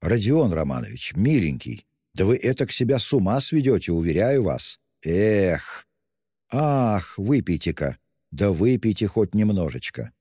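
A man's voice: fairly low pitch, big pitch swings, measured pace, dark tone, breathy edge, no room sound, studio quality, in a large hall, heavily acted. A man voicing a sly, fawning middle-aged male police investigator who talks in wheedling, mocking endearments.

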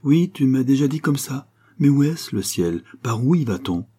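A man's voice: mid-range voice, expressive, normal speed, mellow, breathy edge, voice pushed up. A man reading aloud and voicing a tearful eight-year-old girl in a storybook, speaking in a raised, plaintive voice. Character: sad little girl of eight, dreamy, tearful.

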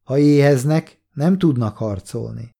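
A man's voice: mid-range voice, vocal fry, warm tone. A man doing a brash joking young soldier. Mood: teasing. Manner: breezy, teasing banter. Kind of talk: audiobook character voice.

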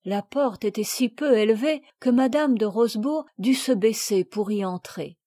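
Expressive woman audiobook reader; slightly high, dark-toned, dry close sound. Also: no echo. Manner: measured, expressive storytelling. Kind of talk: classic novel reading.

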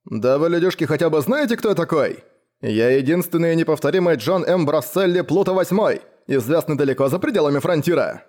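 A loud, cocky biker full of swagger, as a male reader puts him on. He mocks and boasts, pitched well above the reader's own voice. His speech is quick and brash. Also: lively intonation, natural voice. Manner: swaggering, mocking, indignant.

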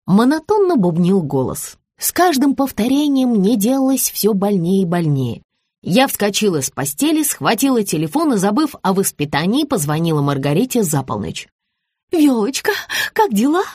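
A woman reading a comic first-person novel aloud with lively, expressive delivery. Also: medium pitch, normal speed, slightly rough, no echo. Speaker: audiobook narrator. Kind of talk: first-person audiobook narration. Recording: dry studio audiobook.

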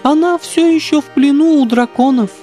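A man voicing a gentle young princess who exists only as a reflection in a river, speaking softly and wistfully. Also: very high-pitched, normal speed, faint music behind, voice pushed up. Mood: tender. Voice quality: soft, tender voice. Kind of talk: storybook reading.

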